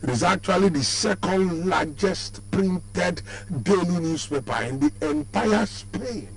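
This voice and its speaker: A man with a Nigerian accent and a baritone voice, hosting a sports show on radio in a lively, sing-song way, with many fillers and restarts. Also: measured pace, poor audio. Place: radio studio. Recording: radio stream with faint hum.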